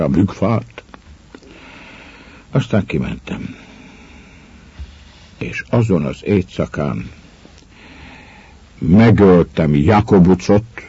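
Male actor as a grave, brooding confessor, a low husky voice with lively pitch, on a dull lo-fi recording. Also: full character voice. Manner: grave, measured storytelling that drops to hushed whispers. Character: brooding man confessing a killing to his lover's child. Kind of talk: dramatic monologue.

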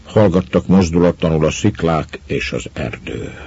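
A man reading a story aloud with expressive, dramatic narration. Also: low voice, breathy edge. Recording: muffled lo-fi recording.

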